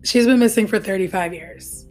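A woman's voice: mid-range voice, normal speed, darkish tone, soft background music. A woman co-hosting a casual true-crime podcast, talking earnestly and chattily and laughing easily. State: hoarse, losing her voice. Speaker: podcast co-host.

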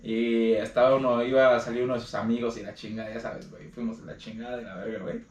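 A young man with a Mexican accent telling a funny story in casual chat, slangy and animated, often laughing. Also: medium pitch, fast talker, lo-fi sound. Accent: Mexican Spanish. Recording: roomy, distant mic.

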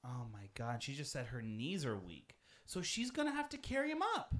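A man's voice: medium pitch, huge pitch swings, moderate pace, fairly bright tone. A man co-hosting a podcast, chatting casually and exclaiming and swearing as he reacts to a film. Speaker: podcast co-host. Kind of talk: casual chat while watching a movie.

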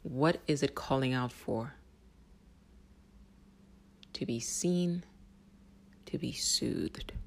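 A vlogger giving an intense spiritual monologue with casual swearing, often dropping into soft whispers. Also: mid-range voice, very slow, gravelly, long pauses. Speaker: self-help vlogger.

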